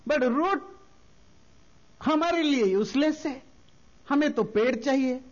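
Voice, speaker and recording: Man, spiritual teacher, high animated voice, slow explanatory talk, dull lo-fi sound. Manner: slow, explanatory, mixes English phrases into his speech.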